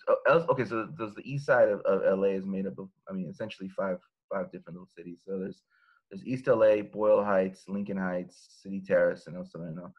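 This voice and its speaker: Talking fast from his living room over a laptop video call, this guest author from Los Angeles, in his thirties, has a low, breathy voice with fairly even intonation and lo-fi sound. He speaks casually and rambles, restarting often and filling gaps with filler words.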